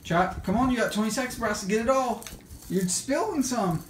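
A woman speaks with an animated, swinging pitch in a casual, urging way. She is heard in a roomy space on a home phone recording with light background noise. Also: fairly quick. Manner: coaxing, urging. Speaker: off-camera host cheering on children. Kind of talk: casual family chat and encouragement. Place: small bedroom, indoors. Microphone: handheld phone camera.

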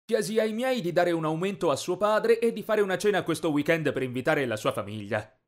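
Man, animated first-person story narrator, higher voice, lively dramatic swings. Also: brisk. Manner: expressive, dramatic.

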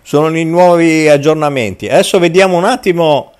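A man hosting a casual gameplay video from home, talking in a halting way with many fillers. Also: a little high, darkish tone.

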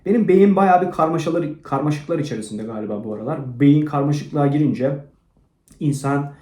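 A man hosting his own channel, rambling through a crude, self-mocking monologue that swings from low mumbling to loud rants. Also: a little fast. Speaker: channel host. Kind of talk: rambling motivational vlog monologue. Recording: roomy echo.

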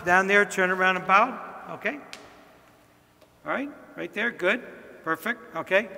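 High-voiced priest, joking and directive. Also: male voice, unhurried, creaky, pushed and bright. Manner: chatty, directive, joking asides. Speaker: priest leading a wedding rehearsal. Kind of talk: giving stage directions at a rehearsal. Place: large church. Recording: long church reverb.

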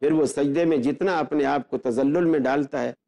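A man's voice: fairly high pitch, brisk, gravelly, mellow. A man, an Islamic scholar, explaining religious belief earnestly and building his points with rhetorical questions. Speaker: Islamic scholar and guest speaker.

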